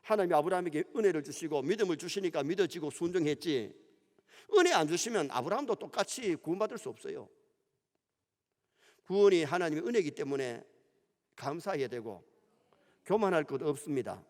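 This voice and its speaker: A middle-aged pastor with a Gyeongsang Korean accent, preaching a sermon in an animated storytelling manner in a church sanctuary. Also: male voice, on the high side, fairly quick, pauses often. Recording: long church hall reverb.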